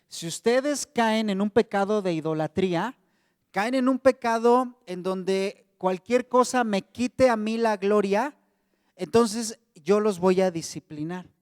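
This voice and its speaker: A Mexican man with a fairly high voice preaching a sermon, talking to his congregation in a friendly, conversational way. His voice sits close and dry, with a long reverb tail from the hall around it. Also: takes it slowly, darkish tone, clear, resonant tone. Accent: Mexican Spanish. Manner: conversational, addresses congregation as brothers.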